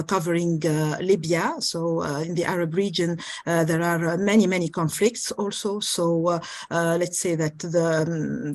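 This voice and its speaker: A woman speaking as a panelist in a webinar, earnest and often pausing to find her words. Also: lowish voice, no echo. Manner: earnest, searching for words mid-sentence. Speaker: panelist, head of a country office. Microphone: video call.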